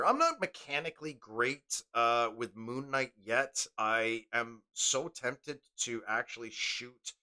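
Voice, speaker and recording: A man's voice: medium pitch, pushed and bright. A man streaming live, chatting casually while calling the game in rambling, play-by-play asides. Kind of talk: casual live gameplay commentary.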